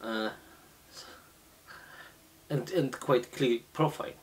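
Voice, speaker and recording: Slow, halting man reviewing beer. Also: medium pitch. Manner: slow, halting, many fillers and restarts. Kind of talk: casual beer tasting review. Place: small indoor room, seated at a table.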